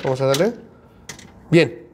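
A man's voice: medium pitch, a little slow. A man from Mexico hosting a livestream at an arcade coin machine, chatty and greeting viewers by name, with a congested nose. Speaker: livestream host. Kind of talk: live streaming chat at an arcade coin machine. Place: indoor arcade. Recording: noisy arcade with clicking machines.

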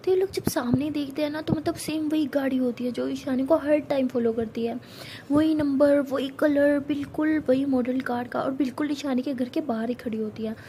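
A woman's voice: high voice, fairly even intonation, normal speed, warm tone, a little hiss or hum. A woman narrating a story in a casual, conversational way. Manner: conversational, plain recounting.

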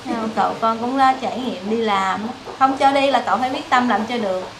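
A woman, the boy's mother, urging him emotionally to go work, gently scolding him not to cry. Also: fairly high pitch, fairly quick, background noise. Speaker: mother of the boy. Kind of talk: casual chat.

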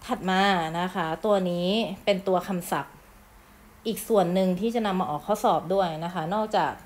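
A woman's voice: mid-range voice, fairly even intonation, darkish tone, slight background noise. Chatty woman teacher explaining a lesson. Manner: explains in Thai, reads English phrases slowly and clearly; polite sentence endings, chatty asides. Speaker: English teacher.

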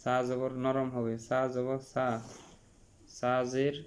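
A man with a Bangladeshi Bengali accent leads a step-by-step Quran reading lesson. He repeats each letter sound patiently and points out common mistakes. His pitch stays mid-range and barely moves. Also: completely flat delivery, darkish tone. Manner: drills letter sounds slowly, correcting common mispronunciations. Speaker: Quran teacher.

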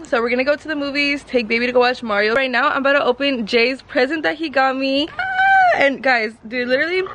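A woman of twenty-two, talking to her camera in a casual vlog, excitable and gushing, full of slang. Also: high-pitched, a little hiss or hum, rough recording. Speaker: vlogger.

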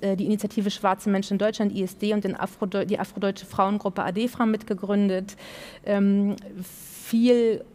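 A woman's voice: medium pitch, a little mellow. A young woman moderating a panel on a theatre stage, earnest and hesitant with many fillers.

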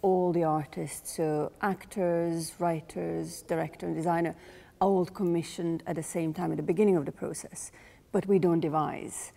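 A woman's voice: lowish voice, steady tone, moderate pace, vocal fry, dark tone. A woman in her forties with a Croatian accent, a playwright and director explaining her work thoughtfully in an interview in a large rehearsal hall. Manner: thoughtful, searching for words. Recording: long hall reverb.

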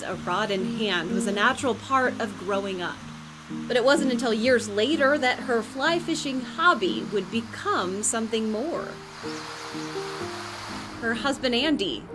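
A woman reporter with an American accent reading a scripted local news feature in a measured storytelling way. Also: a little high, lively intonation. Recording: voice-over with loud music bed.

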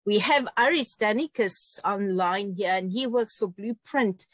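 A woman's voice: mid-range voice, measured pace, dry recording, low-quality recording. Earnest woman on a dry video call. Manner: earnest, with frequent ums. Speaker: whistle-blower panelist. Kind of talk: conversational panel talk on a video call.

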